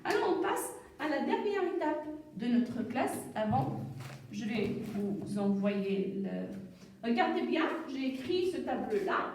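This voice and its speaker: Woman teacher, beginner reading lesson, high lively voice, slow and clear, echoey room from afar. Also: distant mic, a little hiss or hum. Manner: slow, clear, syllable-by-syllable explanation.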